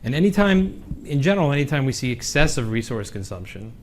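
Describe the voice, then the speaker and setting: A man presenting a technical session at a conference, relaxed and joking, with some fillers. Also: medium pitch, quick pace, slight background noise. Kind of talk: conference tech talk. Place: conference room.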